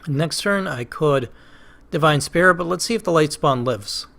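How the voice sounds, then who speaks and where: Gravelly man thinking aloud over a card game. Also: fairly high pitch, lively intonation, moderate pace, a bit bright. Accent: Boston. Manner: thinking aloud, hesitant, self-questioning. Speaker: gaming channel host. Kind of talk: casual let's play commentary.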